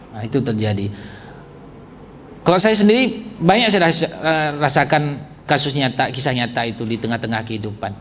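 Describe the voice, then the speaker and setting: A man preaching a religious family lecture to a live audience in a large hall, engaging the listeners with jokes and questions. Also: mid-range voice. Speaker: Islamic preacher. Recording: echoey hall with faint background noise.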